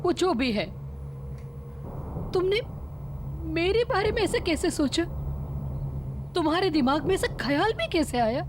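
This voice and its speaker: A sharp, accusing widowed mother. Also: very high voice, sing-song, a little slow, pauses often, background noise, heavily acted. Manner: confrontational, scolding. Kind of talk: Hindi TV horror drama acting.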